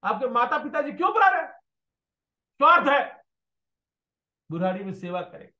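High-voiced animated maths teacher. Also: male voice, moderate pace, highs cut off. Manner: animated, storytelling, bursts of shouting. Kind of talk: animated classroom lesson with anecdotes.

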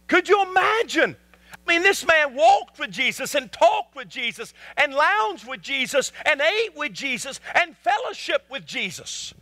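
A male pastor preaching a sermon with emphasis, repeating rhetorical questions and swinging from soft asides to loud peaks. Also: very high-pitched, big pitch swings, a little slow, no room sound.

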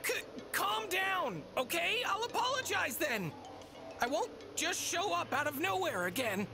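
A woman's voice: very high-pitched, big pitch swings, a little slow, music in the background, heavily acted. A woman voicing a smug, mischievous stuffed rabbit creature in an anime video game, theatrical and teasing. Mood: flustered, placating. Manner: theatrical, teasing, riddling rhymes.

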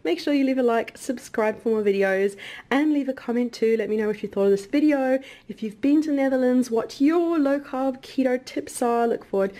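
A woman's voice: high voice, a little fast, dark tone. A middle-aged woman vlogger chatting enthusiastically as she shows off her food finds. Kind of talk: casual vlog narration. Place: hotel room.

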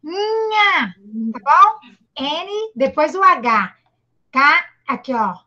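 A Brazilian woman with a high, bright voice gives a patient reading lesson to a young child. She encourages him gently and sounds out each syllable slowly. The sound is dull and lo-fi, as on a video call. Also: very animated. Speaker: primary school teacher. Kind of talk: online literacy lesson for a child.

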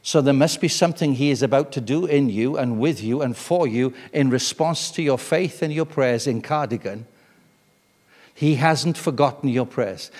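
A man in his sixties preaching a sermon, swinging between loud urgent emphasis and hushed intimate tones. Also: medium pitch. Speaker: guest preacher. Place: church. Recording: reverberant church hall.

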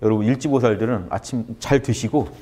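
A man's voice: fairly low pitch, brisk. A man lecturing on Buddhist teachings to an audience, often stopping to ask them questions. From Korea. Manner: animated, asks the audience questions.

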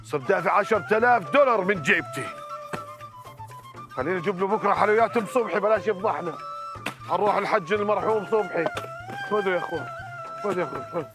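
A man's voice: high-pitched, very fast, long pauses. A man with a Jordanian Arabic accent acting in a comedy sketch, calling out in a hurry. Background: music.

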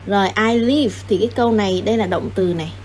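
A woman teaching English to children, patient and coaxing, repeating and spelling words out slowly. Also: mid-range voice, darkish tone, a little hiss or hum. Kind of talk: explaining a lesson.

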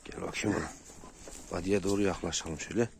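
A man with a low, gravelly voice talks to his dogs outdoors in brief, calming commands. His steady coaxing carries over a noisy outdoor recording with dogs barking nearby. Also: quick pace. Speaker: dog owner vlogger. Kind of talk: casual outdoor vlog. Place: outdoors near a valley.

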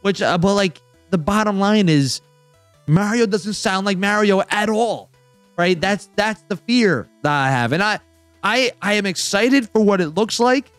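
A man hosting a casual roundtable chat, rambling and excitable, full of filler words. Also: high voice, unhurried, no room sound, faint music behind. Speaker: podcast host.

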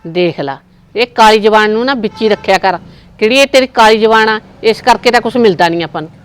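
A woman's voice: mid-range voice, quick pace, clean tone, faint music behind, close to an everyday voice. A woman playing a greedy, demanding groom's mother. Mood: scolding. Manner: blunt, demanding, haughty.

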